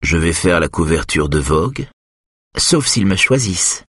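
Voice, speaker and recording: Un homme jouant une jeune femme aguicheuse. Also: male voice, low voice, sing-song, a little slow, fairly bright tone, dry recording, clean studio sound, exaggerated voice. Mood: teasing. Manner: teasing, breathy whispers and giggly outbursts.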